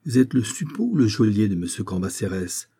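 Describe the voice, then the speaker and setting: A man voicing a proud, hot-tempered, impoverished old nobleman who speaks gruffly and indignantly. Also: lowish voice, big pitch swings, brisk, warm tone. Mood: indignant, angry.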